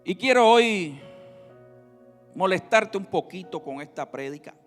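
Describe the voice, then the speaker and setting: A man's voice: sits high, lively intonation, measured pace. Emphatic preacher man in echoing church. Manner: emphatic preaching with swings between loud and soft. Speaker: pastor. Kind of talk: sermon. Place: church sanctuary. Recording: reverberant hall with faint music.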